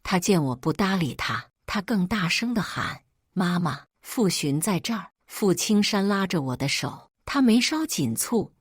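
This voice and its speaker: A woman reading a first-person family drama aloud in a steady, emotional storytelling manner. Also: medium pitch, normal speed, few pauses, breathy edge, no echo, clean studio sound.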